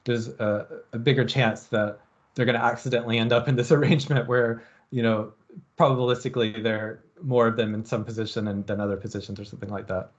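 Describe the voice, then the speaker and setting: A man lecturing at a university, explaining experiment design in a relaxed way and thinking aloud with frequent ums. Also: medium pitch, quick pace, dull audio.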